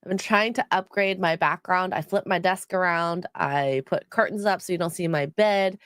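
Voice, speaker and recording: A stream co-host with a fairly low, somewhat bright and smooth voice chats casually on a livestream at normal speed. Nasal from a cold, she rambles with many ums while reading out donations, in clean, echo-free studio sound.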